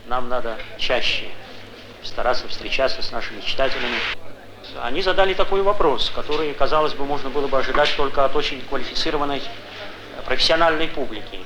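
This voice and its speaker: Deliberate male editor, noisy old film sound. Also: mid-range voice. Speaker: newspaper editor. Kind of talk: semi-formal speech at an editorial meeting.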